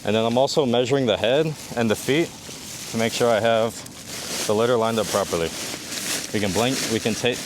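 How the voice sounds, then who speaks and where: A man's voice: mid-range voice, fairly quick, background noise. A man working as a combat medic instructor, giving a hands-on demonstration and methodically explaining each step.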